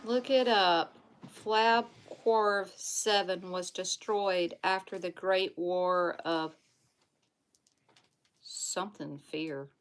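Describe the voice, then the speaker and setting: Woman host, slow-paced, chatty, reads viewer comments, home livestream, casual. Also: lowish voice, steady tone. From Louisiana.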